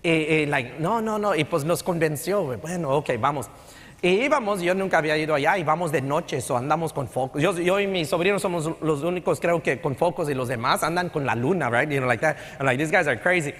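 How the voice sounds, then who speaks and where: A fairly high, slightly bright male voice moves along fairly quickly as a middle-aged pastor from Texas preaches conversationally. He alternates between Texan-accented Spanish and English. The setting is the stage of a large church sanctuary, heard through long hall reverb.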